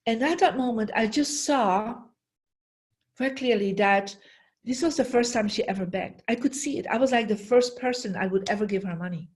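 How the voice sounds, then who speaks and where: A woman's voice: fairly high pitch, moderate pace. A middle-aged woman telling a story while teaching an online master class, often checking in with the audience by asking "yeah?". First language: Dutch. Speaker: feng shui teacher.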